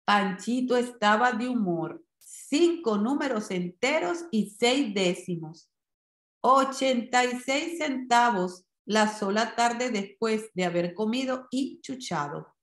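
A woman narrating a short story in a measured, expressive reading voice. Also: a little high. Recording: roomy echo.

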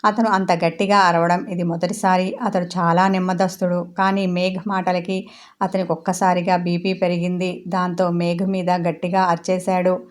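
A woman reads her own serial story aloud in a low, flat, steady voice. She narrates at an even pace, with little rise and fall, and keeps the same calm tone through the scenes. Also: normal speed. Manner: reads all the characters in one steady voice.

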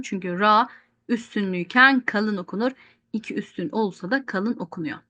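A woman's voice: medium pitch, fairly bright tone, no echo. A woman teaching Quranic recitation rules in an online lesson, explaining patiently and often repeating points. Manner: explains patiently, repeats rules, asks questions then answers them.

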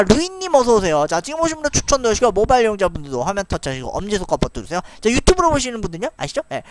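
A man's voice: high voice, no room sound. A man streaming a card game live, thinking aloud about his moves and laughing often as he chats with viewers. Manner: chatty, thinks aloud, frequent little laughs. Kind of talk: live gameplay commentary.

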